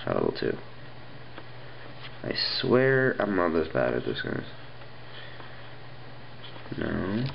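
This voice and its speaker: A young man with a stuffy nose, getting sick, reviews phone games at a wooden table indoors, rambling casually with plenty of ums and restarts. His low, gravelly voice swings hugely in pitch, goes slowly and has long pauses. The audio has its highs cut off and a little hiss or hum.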